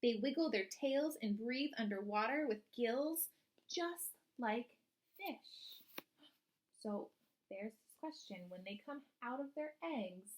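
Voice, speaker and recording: A woman with a high-pitched, darkish-toned voice reads a children's picture book aloud expressively, teacher-style. She keeps pausing to ask the young listeners questions that guide them along.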